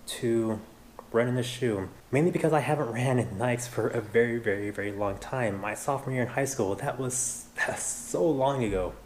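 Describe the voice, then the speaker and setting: A man's voice: medium pitch, moderate pace, slight background noise. An American man in his thirties talking casually and earnestly to his viewers in a vlog, often repeating points for emphasis. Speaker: running vlogger. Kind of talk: casual vlog talk to camera.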